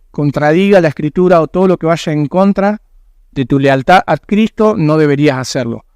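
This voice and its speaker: A man's voice: on the high side, darkish tone, smooth, no echo, studio quality. Emphatic Rioplatense man preaching a sermon. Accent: Rioplatense Spanish. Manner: earnest, emphatic preaching with rhetorical questions. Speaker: pastor. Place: church.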